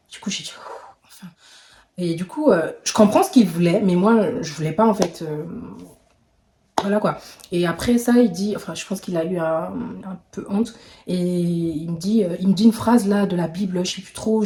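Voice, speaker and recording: Animated young woman telling a storytime. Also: mid-range voice, roomy sound. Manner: animated, slangy, laughs often, swings between loud exclamations and whispers. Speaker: vlogger. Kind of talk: casual storytime.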